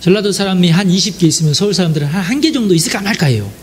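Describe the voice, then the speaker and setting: A man's voice: high-pitched, animated, racing, a little hiss or hum. A man from the Jeolla region giving a conversational sermon, chatty and speaking straight to his listeners. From Jeolla region, South Korea. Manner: chatty, addresses the audience directly, frequent affirming asides. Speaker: preacher.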